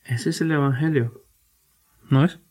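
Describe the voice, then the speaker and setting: A man's voice: mid-range voice, a little slow, darkish tone. A man preaching a sermon to his church, earnest and emphatic, with frequent restarts and repeated rhetorical questions. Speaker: pastor.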